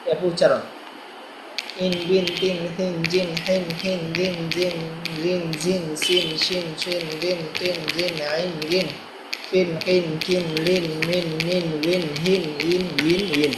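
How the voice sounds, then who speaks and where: A man's voice: high voice, monotone, a little slow, very noisy. A male teacher giving a recorded reading lesson, patiently chanting letter drills line by line. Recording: echoey room, faint ambience.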